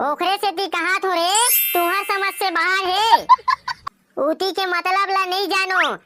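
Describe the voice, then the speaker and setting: A man with a Chhattisgarhi accent voicing bickering, teasing village youths in a cartoon comedy, squeaky and sped up. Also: fairly even intonation, slow pace, very noisy. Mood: squabbling. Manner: bickering, mocking, repetitive. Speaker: cartoon voice actor. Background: loud background music.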